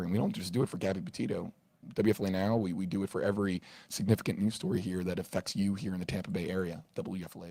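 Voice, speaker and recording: Hoarse low-voiced man hosting a news stream. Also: darkish tone, no echo. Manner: earnest, repeats words and restarts often. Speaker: news livestream host. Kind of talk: live-stream news commentary reading viewer comments.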